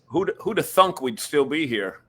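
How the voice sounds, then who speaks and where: A man's voice: a little high, big pitch swings, unhurried, fairly bright tone, husky. Easygoing, teasing male co-host. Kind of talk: casual chat.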